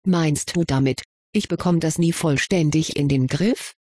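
A stubborn schoolboy wizard in a storybook, asking questions and defending himself with a wry touch, read by a narrator. The voice is slightly husky, close and dry. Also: medium pitch, unhurried, a little mellow, dry recording, lightly acted. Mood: questioning, wry. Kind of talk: audiobook reading of fan fiction.

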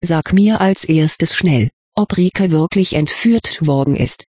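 A reader voicing a brusque, hurried young male wizard with a sarcastic, impatient way of talking, in an audiobook. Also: mid-range voice, a little mellow, slightly rough, no echo, clean studio sound. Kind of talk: audiobook character reading.

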